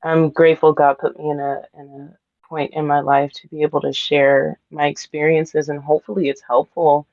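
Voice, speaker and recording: A woman's voice: deep voice, little pitch movement, normal speed, darkish tone, no room sound, lo-fi sound. A woman voice actress being interviewed, chatting casually, sounding nervous and giggly with lots of fillers. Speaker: voice actress guest.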